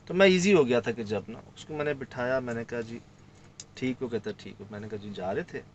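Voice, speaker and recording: A man's voice: medium pitch, muffled recording, slight background noise. A man from Sindh telling a story in casual conversation, acting out the lines of the people in it. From Sindh, Pakistan. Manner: animated, acts out quoted lines. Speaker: guest recounting a field trip.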